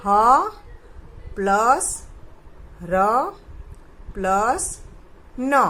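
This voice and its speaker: A woman's voice: on the high side, rough recording. A woman teaching a recorded primary school lesson, patiently asking questions and answering them herself for the children.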